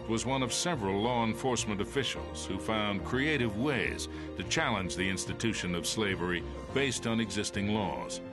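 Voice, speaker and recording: A man giving scripted documentary narration in a measured, solemn way. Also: on the low side. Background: music.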